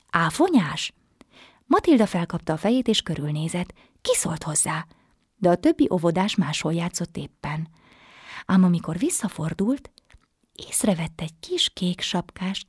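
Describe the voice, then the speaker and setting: A woman reading a bedtime story aloud gently, often sinking to a soft whisper. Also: fairly low pitch, slightly rough, dry recording, studio quality.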